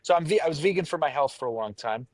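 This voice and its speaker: A man's voice: fairly high pitch, expressive, fast, no room sound. A man from the Pacific Northwest co-hosting a casual chat, rambling and self-mocking, often trailing off and restarting. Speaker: podcast co-host.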